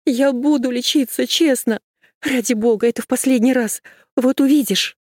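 Woman putting on a desperate crying girl, high and pleading, dry close sound. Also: moderate pace, a little mellow, dry recording. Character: distraught young woman, pleading and sobbing.

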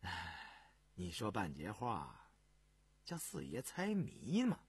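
A man voicing a stern, reserved imperial prince who speaks in a low, measured, weighty way, with a husky voice. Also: very animated, full character voice. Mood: dryly teasing.

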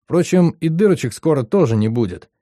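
A man reading an audiobook in a steady, even storytelling voice. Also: on the high side, fairly quick, dry recording, clean studio sound. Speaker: audiobook reader. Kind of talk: audiobook narration.

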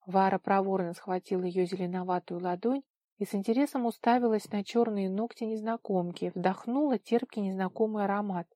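Woman reading an audiobook, steady and expressive, mid voice, dry close mic. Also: medium pitch, brisk, no room sound. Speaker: audiobook narrator. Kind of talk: scripted narration.

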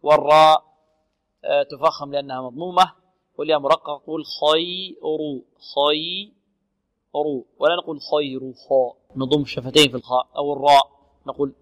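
A man teaching Quran recitation, his voice sitting a little high for a man. He poses questions to himself and answers them, drawing out single words slowly to show how they are said. A long hall reverb trails after each phrase. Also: a bit bright. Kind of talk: tajweed lesson.

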